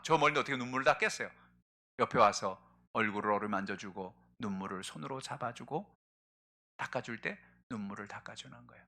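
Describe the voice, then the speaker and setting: A man preaching a sermon as pastor, asking rhetorical questions and swinging between hushed and loud passages. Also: mid-range voice, creaky.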